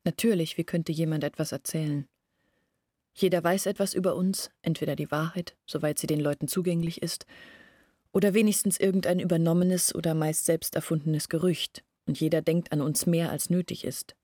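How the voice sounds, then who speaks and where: In a German radio drama, an actress plays an earnest, anguished young woman confiding her family's hardship in a deliberate, self-reproachful, troubled way. Her voice is low, steady and mellow, in clean studio sound with no room echo.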